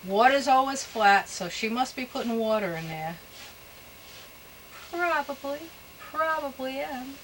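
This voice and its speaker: A woman gives a casual painting demonstration as a gentle, encouraging instructor. Her talk is easygoing and folksy, with chatty little asides to herself, at an ordinary mid female pitch. There is some noise behind her voice. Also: rough recording.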